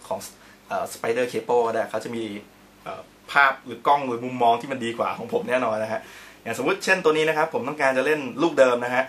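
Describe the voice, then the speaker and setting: A man's voice: medium pitch, fairly quick, fairly bright tone, slight background noise. Chatty man explaining guitar gear. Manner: chatty, polite, explains while demonstrating on guitar. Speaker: guitar teacher. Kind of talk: casual instructional video. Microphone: own camera. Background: guitar playing.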